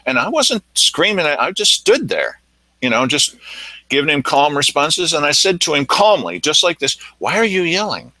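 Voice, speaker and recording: A man hosting a local news talk show, telling his stories in an animated way. His pitch swings widely. The sound is dry and close. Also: moderate pace, no echo, low-quality recording. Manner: animated storytelling, acting out quotes. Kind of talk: casual commentary chat.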